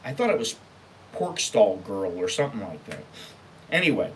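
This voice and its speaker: In a lowish, sing-song voice at a normal pace, an American man reads and comments on emails for his casual online storytime show. He's blunt, emphatic and exasperated, with plenty of swearing, and a little hiss or hum is audible.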